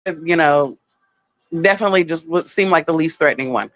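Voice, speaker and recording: A woman's voice: low voice, fairly quick, no echo. A woman telling a personal story in a casual vlog, candid and heavily profane, full of filler words.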